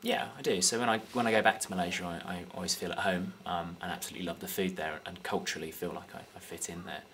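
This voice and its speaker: A man's voice: deep voice, fast talker, a bit bright, a little hiss or hum. A young man from the UK with an English accent, answering interview questions with a lot of hesitation and filler. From United Kingdom. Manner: hesitant, many fillers and restarts. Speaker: guest.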